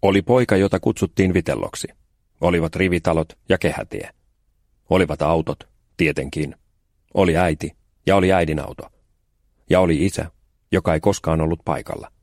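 A man reads a children's story in a calm, even way with dry, deadpan timing. His voice sits very low. He is recorded close on a studio mic with no room echo. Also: long pauses. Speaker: audiobook narrator. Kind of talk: scripted narration.

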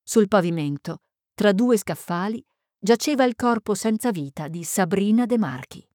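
A woman's voice: mid-range voice, expressive, normal speed, darkish tone, dry recording. Woman narrating in a dry close voice. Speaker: audiobook narrator. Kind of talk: scripted narration.

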